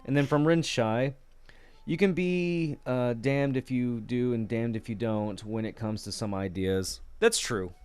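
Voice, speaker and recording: A man's voice: mid-range voice, a little slow, darkish tone, smooth. A man hosting a casual live-stream chat, reading viewer comments aloud in an easygoing way with plenty of fillers. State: still waking up.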